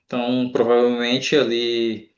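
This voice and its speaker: A man's voice: medium pitch, monotone, unhurried. Man, panelist, firm and emphatic, roomy muffled call audio. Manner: assertive, emphatic. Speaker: tax panelist. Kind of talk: explanatory live-stream talk. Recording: echoey, dull lo-fi online call.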